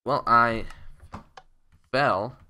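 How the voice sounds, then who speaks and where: A man's voice: mid-range voice, drawn-out words, pushed and bright. A young man chatting casually and joking around while playing a game with a friend. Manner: joking, playful banter. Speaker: gaming channel co-host. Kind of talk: casual gameplay chat.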